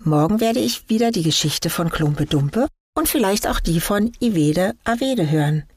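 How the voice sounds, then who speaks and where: A woman's voice: mid-range voice, animated, normal speed, a little mellow, breathy edge, dry recording, clean studio sound. A woman voicing a young fir tree, eager and naive, in a wondering, questioning tone. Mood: hopeful.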